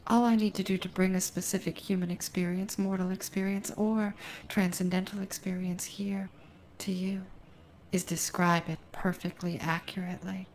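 A woman delivering a hypnotic, ASMR-like trance monologue in a slow, deliberate, soothing way, lingering on words, intimate and close as if right in the listener's ear. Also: on the low side, level tone, a little mellow. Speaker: hypnosis performer.

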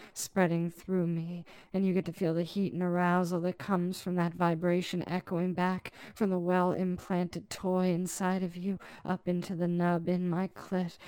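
A woman performing a sensual ASMR role-play for adults, purring intimately as if right in the listener's ear, with slow, deliberate, lingering phrasing. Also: lowish voice, mellow, smooth, no room sound.

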